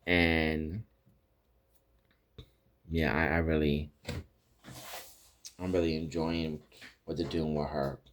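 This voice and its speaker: A man's voice: very deep voice, little pitch movement, slow, pauses often, a little hiss or hum. A man hosting a podcast, casually retelling TV episodes in a rambling way with many restarts and acted-out quotes. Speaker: podcast host recapping TV episodes. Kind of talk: casual recap chat.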